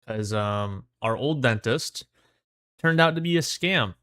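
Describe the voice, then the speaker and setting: Casting: male game streamer, medium pitch, dry sound, relaxed slangy chat, speaking with a dentist-numbed mouth. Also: slow, smooth, no echo. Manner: talking with a mouth numb from the dentist; laid-back, slangy. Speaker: livestream host. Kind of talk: casual gaming livestream chat.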